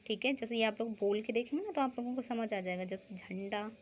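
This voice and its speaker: A woman's voice: a little high, fast, a little hiss or hum. Woman teaching a grammar class. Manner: explains step by step, asks questions and answers them herself, keeps saying "theek hai". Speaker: school Hindi teacher.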